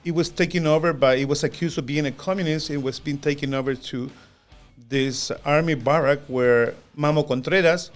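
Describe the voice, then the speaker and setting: A man's voice: a little high, fairly even intonation. Chilean guy in his 50s, spanish accent, stops and repeats himself, faint music in the back. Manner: halting, repeats words, earnest. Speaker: podcast co-host. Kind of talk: casual podcast chat.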